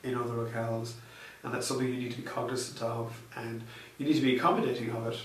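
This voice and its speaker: A software researcher is being interviewed, answering hesitantly and conversationally with lots of fillers and restarts. His voice is medium-pitched and level, and he talks quickly. The recording sounds echoey, with a distant mic and faint background noise.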